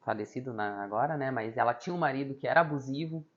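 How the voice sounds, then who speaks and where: A woman's voice: very deep voice, fast talker, muffled recording. A woman psychologist with a Brazilian Portuguese accent, a guest in a casual interview, who talks expressively and acts out the people in her stories.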